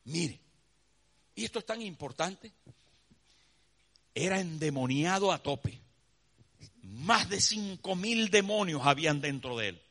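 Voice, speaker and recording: A man's voice: fairly high pitch, animated, takes it slowly, long pauses. A man preaching a sermon, telling scenes dramatically and calling his listeners "brother" with many rhetorical questions. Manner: dramatic storytelling, acts out scenes with shouts.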